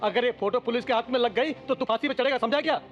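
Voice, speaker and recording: A man's voice: very high voice, fast, highs cut off, faint music behind. A man dubbing a sneering henchman who snaps curtly. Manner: snappish, curt. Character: sneering male henchman, blunt and edgy. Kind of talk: Hindi film dub.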